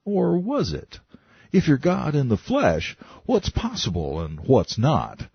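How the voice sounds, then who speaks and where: A man's voice: mid-range voice, huge pitch swings, takes it slowly, creaky, slightly rough, no echo, muffled recording. A man narrating a nonfiction book in a wry, conversational way, asking rhetorical questions. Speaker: audiobook narrator.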